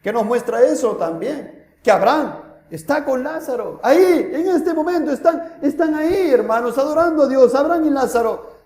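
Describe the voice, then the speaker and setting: A man preaches in a high, ringing voice, pressing his listeners with rhetorical questions. His delivery swings from loud urging to near-hushed warnings. The sound carries the echo of a church hall. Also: lively intonation, normal speed. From Peru. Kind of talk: sermon.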